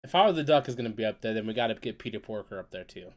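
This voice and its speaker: A podcast host with a fairly low, expressive voice talks rapid-fire in a casual chat. He's still stuffy and congested from being sick but stays upbeat while steering the questions.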